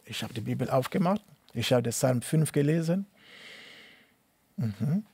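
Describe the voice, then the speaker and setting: Interviewee: man from Cameroon, middle-aged, non-native speaker; rough, dry-sounding voice, halting and repetitive delivery. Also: medium pitch, animated, dark tone, dry recording. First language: not German. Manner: halting, repeats words, broken German. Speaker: interviewee, tennis coach. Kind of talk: personal testimony interview.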